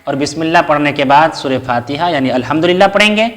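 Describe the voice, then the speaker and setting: A man's voice: fairly high pitch, expressive, fast talker, a bit bright. A man teaches each step of the prayer in order, in a slightly raised voice. He poses a question to the listener and answers it himself. He works short recited Arabic phrases into the explanation. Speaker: religious teacher. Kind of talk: step-by-step spoken lesson.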